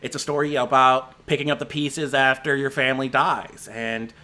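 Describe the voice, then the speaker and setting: Running through his top films of the year, a movie critic talks in a casual, rambling stream packed with fillers and restarts, his voice slightly hoarse and giving out. It sits mid-range with a level, bright, forceful tone, at moderate speed.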